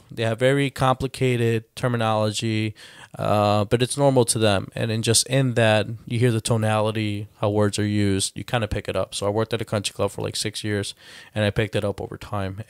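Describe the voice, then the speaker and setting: A male podcast host who grew up speaking Spanish, talking in a relaxed, easygoing way and slipping in the odd Spanish phrase. His voice sits on the lower side. The sound is dry and close to the mic. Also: smooth, dry recording. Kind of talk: casual podcast chat.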